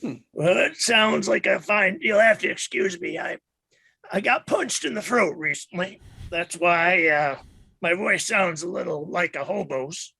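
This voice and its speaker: A rambling, folksy hobo of a hitchhiker, acted by a man at a game table. The voice is high, harsh and full of smoker's gravel. He halts and wanders as he talks. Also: animated, a little slow, pushed and bright, no room sound, heavily acted. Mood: rambling, apologetic. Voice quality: raspy, throaty, like a heavy smoker. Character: rambling hobo-sounding hitchhiker with a wrecked throat. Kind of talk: improvised tabletop role-play.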